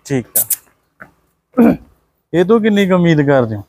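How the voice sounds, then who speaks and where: A man's voice: fairly high pitch, big pitch swings, takes it slowly, warm tone. A man with a Punjabi accent hosting a casual walkthrough of cows for sale on an outdoor dairy farm, repeating and praising each point. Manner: repetitive, praising, echoes answers. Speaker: livestock video host. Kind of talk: casual livestock sales walkthrough.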